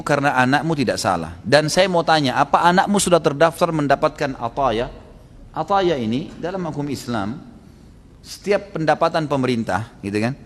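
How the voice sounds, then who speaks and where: A male Islamic preacher giving a storytelling sermon, acting out quoted characters with lively shifts and frequent tag questions. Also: mid-range voice. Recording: long reverb of a large hall.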